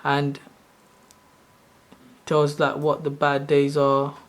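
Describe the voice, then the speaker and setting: A man's voice: on the high side, completely flat delivery, drawn-out words. Rambling man in his thirties explaining. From Sri Lanka. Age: 30s. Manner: loose, rambling explanation with self-corrections. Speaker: channel host. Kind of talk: casual screen-share tutorial.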